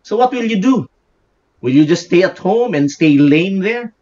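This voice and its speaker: A man's voice: sits high, expressive, moderate pace, a little mellow. A man in his fifties on a video call, talking animatedly and often ending points with a questioning "no?". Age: 50s. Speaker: guest speaker. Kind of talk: casual video-call interview. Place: indoor room with bookshelves. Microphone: earphone mic on video call. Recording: dull lo-fi video call audio.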